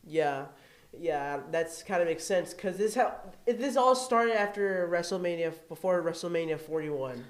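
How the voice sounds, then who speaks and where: A man co-hosting a casual podcast, relaxed and agreeable. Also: high-pitched, a little slow. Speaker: podcast co-host. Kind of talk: casual wrestling chat. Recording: echoey room.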